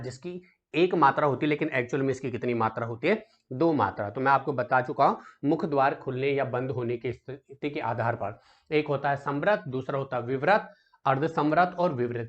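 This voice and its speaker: A man's voice: on the high side, a bit bright, highs cut off. A man teaching an exam solution lesson, asking questions and answering them himself, often checking in with the class and calling students "beta". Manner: keeps checking in with "theek hai" and calls students "beta".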